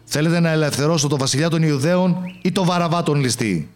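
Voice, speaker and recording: A man voicing an anxious Roman governor in a storybook, questioning loudly and insistently. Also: medium pitch, faint music behind, voice pushed up, lightly acted. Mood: pleading.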